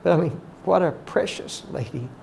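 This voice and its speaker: Older man, gravelly voice, slightly high, heartfelt halting reminiscence, faint outdoor ambience. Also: darkish tone, a little hiss or hum. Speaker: college teacher and guide. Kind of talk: emotional spoken reminiscence.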